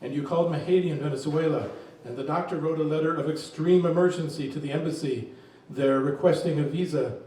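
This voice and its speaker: A man reading his poems aloud at a reading event, in a slow, measured voice. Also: a little high, dark tone. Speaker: poet reading his work. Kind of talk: poetry reading. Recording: very echoey room, distant mic.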